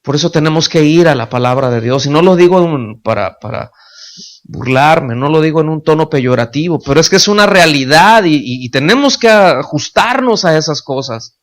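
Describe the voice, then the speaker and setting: A man's voice: a little high, animated, normal speed. A male pastor preaching a sermon in a conversational way, often checking in with the congregation.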